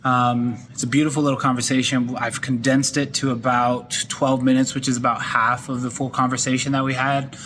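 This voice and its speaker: Male host intro, casual, flat delivery, faint background noise. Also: medium pitch, brisk, few pauses. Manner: casual, relaxed. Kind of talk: video intro.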